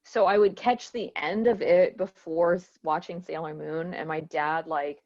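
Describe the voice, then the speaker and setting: A woman's voice: sits low, steady tone, unhurried, a little mellow. Woman on a podcast, lots of likes and ums, muffled recording. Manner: loose and hesitant, many fillers and swears. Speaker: podcast guest. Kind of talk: casual chat.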